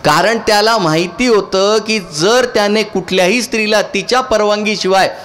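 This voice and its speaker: A man's voice: high-pitched, moderate pace, a bit bright, a little hiss or hum. A man speaking to a live audience, often asking a question and answering it himself. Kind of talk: lecture to an audience.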